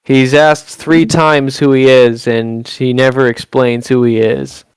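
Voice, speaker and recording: A man gives measured, thoughtful remarks at a slow pace in casual stream chat. His voice has a gravelly edge but stays smooth and clear. The sound is dry, with no room echo. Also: medium pitch, steady tone. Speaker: stream co-host. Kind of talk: casual watch-along chat.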